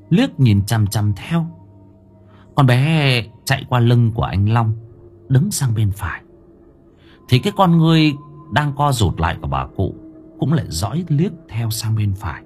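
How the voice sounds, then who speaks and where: A man narrating a horror audiobook in a dramatic, drawn-out storytelling manner. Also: on the low side. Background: faint music.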